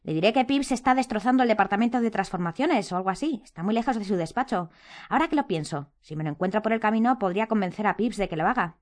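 A woman's voice: medium pitch, expressive, fast talker, natural voice. A woman doing an eager teenage boy.

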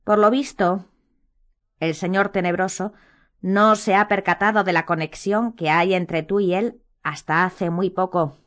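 A woman voicing a cold, stern male wizard teacher in an audiobook, speaking slowly and measuring each word. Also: medium pitch, fairly bright tone, natural voice. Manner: slow and measured, icy.

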